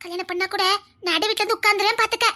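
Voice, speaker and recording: A woman's voice: extremely high pitch, steady tone, racing, sharp tone. A woman with a Tirunelveli Tamil accent playing a stubborn, devoted young woman in a comedy skit, pleading and teasing. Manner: tearful pleading turning to playful teasing. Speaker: lead character in a comedy skit. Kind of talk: melodramatic skit acting.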